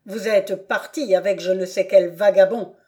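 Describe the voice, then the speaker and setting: A woman's voice: medium pitch, steady tone, normal speed, darkish tone, close to an everyday voice. A woman voicing a proud, furious aristocratic father who thunders accusations at his son in an audiobook.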